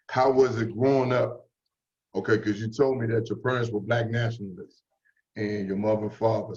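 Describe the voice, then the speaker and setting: Low-voiced male host, muffled. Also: darkish tone. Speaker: podcast host. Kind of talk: interview questions. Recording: muffled lo-fi audio.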